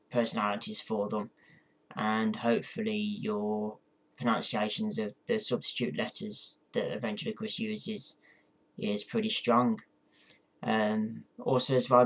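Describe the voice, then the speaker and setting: A man talking casually through an instructional vlog, hesitant and apologetic, with encouraging words for his viewers. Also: on the low side. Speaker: amateur ventriloquist giving a tutorial.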